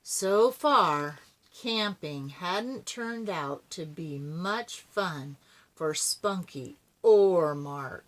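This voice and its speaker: An older woman reads a children's story aloud with animation, tossing chatty asides to her young listeners. Her fairly low voice is expressive and extremely slow.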